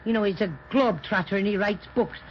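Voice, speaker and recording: A performer voicing a cheerful, protective little cinnamon teddy bear who reassures the children and is bossy toward the stork, in a 1930s radio drama. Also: female voice, medium pitch, quick pace, slight background noise, natural voice. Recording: dull old 1930s radio transcription.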